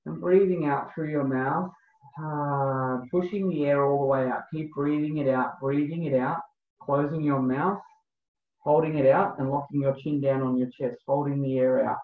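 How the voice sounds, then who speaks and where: A man's voice: fairly high pitch, steady tone. A man working as a breathwork coach, leading a guided breathing meditation in spaced, instructional phrases. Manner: slow, spaced instructional phrasing when guiding. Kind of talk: guided breathing meditation, then casual explanation. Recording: thin phone-like sound, roomy echo.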